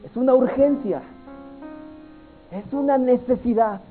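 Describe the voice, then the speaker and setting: Male preacher, very high voice, urgent altar-call sermon, hushed to shouting, tinny lo-fi sound with soft music behind. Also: a little slow. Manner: swings from hushed pleading to loud impassioned cries.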